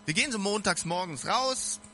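A man preaches in a relaxed, conversational way, speaking straight to his listeners with earnest conviction. His voice sits fairly high and bright, and his pitch moves a lot as he talks. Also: normal speed, a little hiss or hum. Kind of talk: informal sermon.

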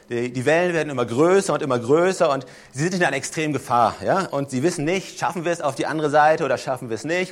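A man preaching a sermon to a live congregation. He tells the story casually and keeps checking in with his listeners. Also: medium pitch. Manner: conversational storytelling, checks in with the audience.

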